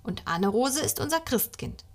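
A woman voicing an eager, excitable little boy, loud and playful. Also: on the high side, normal speed, full character voice.

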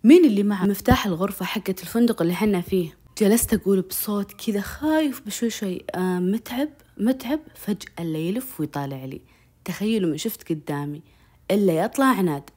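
Brief: young woman, rapid dramatic storytelling, emotional, mid-pitched. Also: expressive, dark tone, husky. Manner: emotional, breathless retelling with oaths and direct appeals to listeners. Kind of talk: dramatic first-person storytelling to viewers.

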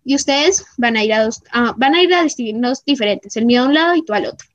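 A woman gives an emphatic motivational talk to viewers, often checking in with quick "¿sí?" and "¿mm?" asides. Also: on the high side, animated, dry recording, highs cut off. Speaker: motivational speaker.

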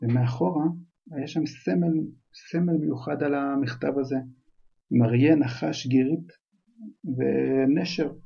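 A man's voice: medium pitch, creaky, mellow, breathy edge. A man retelling a children's book chapter aloud in a loose, conversational way. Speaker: storyteller. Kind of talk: informal storybook retelling. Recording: dull lo-fi recording.

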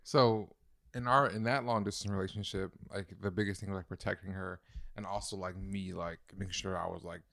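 A young man in his twenties chatting casually as co-host, telling a slangy, animated story. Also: sits low, brisk, creaky, dry recording, studio quality. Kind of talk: casual chat.

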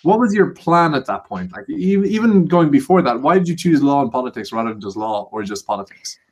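A man's voice: mid-range voice, expressive, a little fast, a little mellow. A man hosting a podcast and putting casual questions to guests. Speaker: podcast host, interviewer. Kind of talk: casual interview.

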